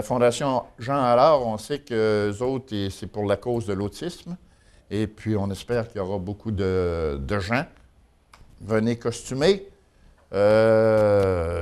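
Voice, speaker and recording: Male local columnist, Quebec French accent, lowish voice, colloquial and folksy, chatting through community news. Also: darkish tone. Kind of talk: informal spoken local chronicle in conversation.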